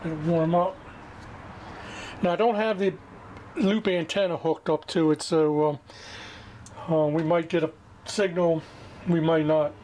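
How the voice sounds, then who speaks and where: A hobbyist radio restorer hosts a repair video, talking casually and without a script in a slightly high, mellow voice with fairly even intonation. His delivery is halting, plainspoken, and folksy, and the homemade recording is clearly noisy.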